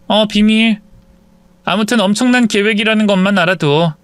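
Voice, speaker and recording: A coy young woman speaks in a high, lilting voice, as a male narrator puts her on. The sound is close and dry. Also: normal speed, clean tone, no room sound, natural voice. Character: young woman, cheating daughter-in-law.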